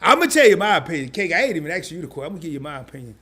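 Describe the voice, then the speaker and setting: Animated chatty man hosting a stream. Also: on the high side, very fast. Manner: animated, chatty, repeats himself; loose casual slang. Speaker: host of a live stream. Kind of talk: casual live-stream finance chat, reading viewer comments.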